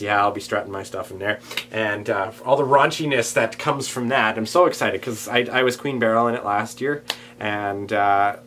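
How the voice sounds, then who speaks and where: A man's voice: lowish voice, slight background noise. Chatty man rambling on a home vlog. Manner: animated, tangent-prone, swings between loud bursts and quiet asides. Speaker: vlogger.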